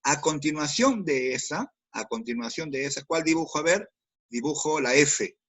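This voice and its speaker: A man's voice: a little high, animated, normal speed, a bit bright. A man teaching a physics class online, explaining step by step, repeating key words and speaking directly to his students.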